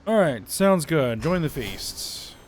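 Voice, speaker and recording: A man's voice: on the high side, big pitch swings, slow pace, slight background noise. A man giving casual commentary while playing a strategy game, thinking aloud and often saying "all right". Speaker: strategy game let's-player.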